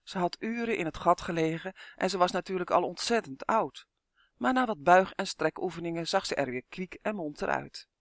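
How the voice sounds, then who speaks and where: A man narrating a children's storybook in a measured, expressive reading. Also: high voice, dry recording, clean studio sound. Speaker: audiobook narrator.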